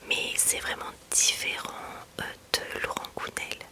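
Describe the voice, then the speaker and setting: An ASMR host whispers softly, like in a library, as she introduces books conversationally and reads excerpts. She takes her time, moving easily between casual chat and reading aloud.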